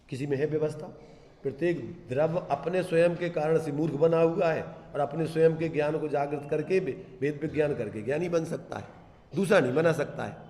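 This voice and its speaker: A man giving a Jain scripture discourse, asking his listeners rhetorical questions and slowly chanting verse lines. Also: a little high, a little mellow. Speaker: Jain religious teacher. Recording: echoey hall.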